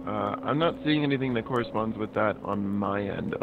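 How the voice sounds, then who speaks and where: A man's voice: lowish voice, moderate pace, noisy background. A man hosting a co-op game playthrough, talking casually over a muffled walkie-talkie and signing off his turns with "over". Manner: relaxed, ends turns with "over". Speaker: host, co-op game player. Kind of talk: casual gameplay chat in radio talk. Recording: dull lo-fi sound with loud music.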